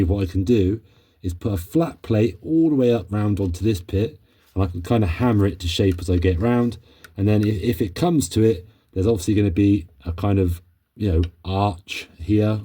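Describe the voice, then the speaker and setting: A man's voice: fairly low pitch, warm tone, slightly rough. A man talking casually through a car repair in his garage, chatty and a little unsure of himself as he thinks aloud. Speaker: car restoration vlogger. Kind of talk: casual workshop vlog commentary. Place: home garage, under a car.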